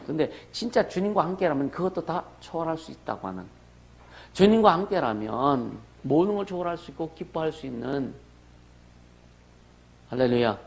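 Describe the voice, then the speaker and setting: Male pastor, slightly high and gravelly, conversational sermon with rhetorical questions. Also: a little mellow. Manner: conversational preaching with rhetorical questions and calls for amen.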